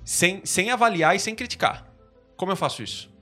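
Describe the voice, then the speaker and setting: A Brazilian man hosts a relaxed podcast chat in a bright, forceful voice that sits a little high. He works through his points with examples, restarting sentences and checking in with "né?". Soft music plays faintly underneath. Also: fairly quick. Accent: Brazilian Portuguese. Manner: explains with examples, many restarts and "né?" tags. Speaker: podcast host. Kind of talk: casual podcast discussion.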